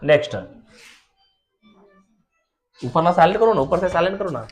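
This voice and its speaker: A man's voice: high voice, animated, normal speed, soft background music. A man teaching English vocabulary to a class, explaining words with everyday examples and putting questions to his students.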